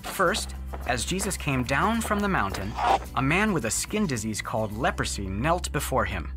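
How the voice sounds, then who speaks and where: Lively children's Bible story narrator. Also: medium pitch, moderate pace. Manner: friendly, explaining simply. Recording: music underneath.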